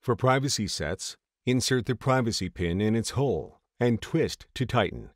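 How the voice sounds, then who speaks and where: A man reading a scripted voice-over for a step-by-step installation tutorial, in a steady, measured way. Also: mid-range voice, no room sound, studio quality. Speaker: tutorial narrator.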